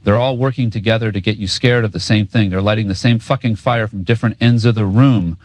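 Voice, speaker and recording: A man's voice: on the low side, fast talker, darkish tone, no room sound. A man co-hosting a political talk show, trading a scripted rant in sarcastic, cynical, profane street talk. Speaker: co-host.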